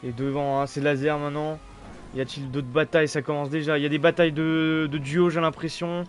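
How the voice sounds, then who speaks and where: Male race commentator, casual live calls, fairly high voice, clear engine-like noise in the background. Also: level tone, fairly quick. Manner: motorsport commentator calling overtakes as they happen. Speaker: esports motor racing commentator.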